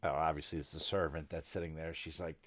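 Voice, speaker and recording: A man's voice: very deep voice, quick pace. A man narrating as game master in a tabletop game, describing scenes loosely with many fillers. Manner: relaxed, rambling description with fillers.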